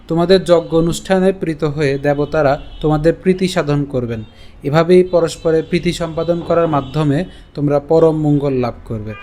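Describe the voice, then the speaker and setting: A man teaching a verse online, breaking each word into syllables and chanting it slowly. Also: a little high, darkish tone. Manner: slow syllable-by-syllable recitation of verses; explains pronunciation, then chants the verse. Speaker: Sanskrit recitation teacher. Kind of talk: online recitation lesson.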